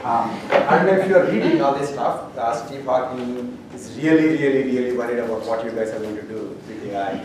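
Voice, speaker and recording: Indian-accented professor in an echoey hall. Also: male voice, medium pitch, brisk, hardly any pauses, background noise. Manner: rambling, many fillers, dry humor. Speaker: university professor. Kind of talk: classroom announcements. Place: lecture hall. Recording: echoey lecture hall from a distant camera.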